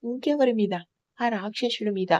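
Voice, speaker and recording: A woman's voice: a little high, moderate pace, no room sound, natural voice. A woman reading as an indignant young bride. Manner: sharp, indignant complaining. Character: young newlywed woman, tearful and angry. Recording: slightly dull lo-fi recording.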